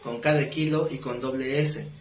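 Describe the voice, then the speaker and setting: A man's voice: medium pitch, fairly even intonation, normal speed, fairly bright tone. A man teaching an exegetical Bible study class, explaining passages, reading scripture aloud and putting questions to the class. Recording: roomy echo with faint noise.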